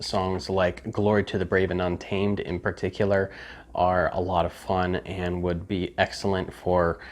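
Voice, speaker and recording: A man giving a casual, candid spoken album review with a critical, conversational manner. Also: sits low. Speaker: music reviewer.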